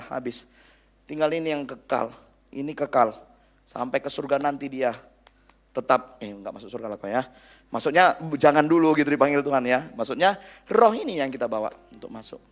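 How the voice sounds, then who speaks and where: A young man with a Medan Indonesian accent preaching a humorous youth sermon in a church hall, joking with the crowd and mimicking people. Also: medium pitch.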